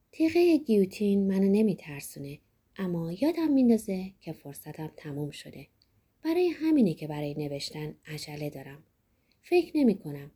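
A woman reading a reflective first-person diary as scripted narration, soft-spoken and often sinking to a near whisper. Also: medium pitch, slightly rough.

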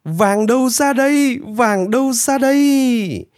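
A man voicing a greedy, boastful, cowardly middle-aged man in a storybook tale, in a high, shrill, wheedling sing-song. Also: sing-song, slow, no room sound, clean studio sound. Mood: gloating. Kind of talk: storybook character voice.

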